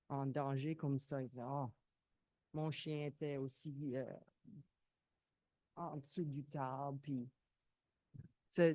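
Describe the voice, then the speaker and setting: A woman's voice: very deep voice, mellow, dry recording. A woman who is not a native French speaker, with a foreign accent in French, raising questions informally as a resident at a public meeting and searching for her words.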